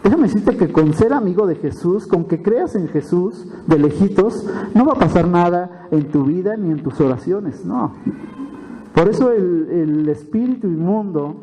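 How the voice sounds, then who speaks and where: A man preaching a sermon as pastor, retelling the story with animated asides and frequent tag questions to the congregation. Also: sits high, moderate pace. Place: church hall. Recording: long church reverb.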